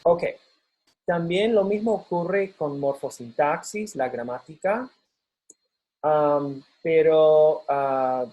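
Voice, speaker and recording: A man teaching a university class, explaining points slowly and switching between English and Spanish with frequent fillers. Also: a little high, warm tone, low-quality recording. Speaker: university instructor. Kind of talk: recorded lecture review.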